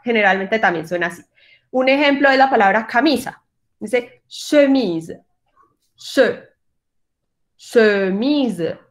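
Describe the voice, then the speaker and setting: A woman teaching French pronunciation to singers over a video call, patient and encouraging, slowly demonstrating each sound. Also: a little high, a bit bright. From Colombian Caribbean coast. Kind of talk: online workshop lesson.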